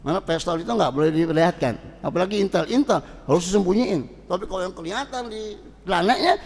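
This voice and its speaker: A middle-aged preacher with a Betawi Jakarta accent, talking in a lively, colloquial way. His high voice swings widely in pitch and turns gravelly at times. It carries the long reverb of a mosque hall. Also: fast. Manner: animated, colloquial, acts out quoted voices. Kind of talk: sermon.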